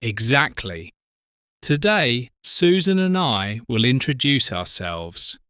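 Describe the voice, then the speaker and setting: A British man in his forties co-hosting an English lesson podcast, speaking slowly and clearly for learners. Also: medium pitch, big pitch swings, pushed and bright, no echo, clean studio sound. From Britain. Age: 40s. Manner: slow, careful, spells out words. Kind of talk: slow scripted teaching talk.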